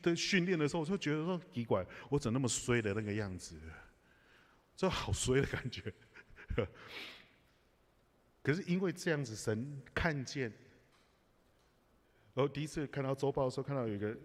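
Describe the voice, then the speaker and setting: Guy preaching, funny storytelling, talks to the crowd a lot, echoey church sound. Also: medium pitch. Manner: animated, humorous storytelling with asides to the congregation. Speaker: pastor. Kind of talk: sermon with personal stories. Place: church sanctuary. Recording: live church hall reverb.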